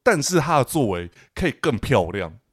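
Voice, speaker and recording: A man with a Taiwanese Mandarin accent co-hosting a podcast, teasing and animated in casual chat. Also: normal speed, slightly rough, no echo, clean studio sound. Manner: animated, teasing, jumps into a high pitch when joking. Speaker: podcast co-host.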